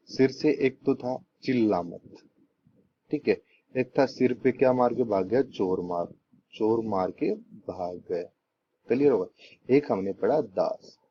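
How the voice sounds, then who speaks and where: Young male tutor, deep-ish voice, repetitive quiz-style delivery, dull lo-fi recording with faint hiss. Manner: repetitive, asks rhetorical questions and answers them. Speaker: teacher. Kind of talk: exam-prep lesson teaching memory tricks.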